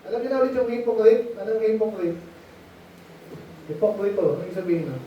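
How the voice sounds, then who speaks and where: A man's voice: high voice, expressive, a little fast, slight background noise. A man preaching a Bible lesson to children in a conversational way, often stopping to ask them questions. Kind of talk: Bible lesson sermon in Tagalog. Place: mission meeting space. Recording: muffled, echoey room, distant mic.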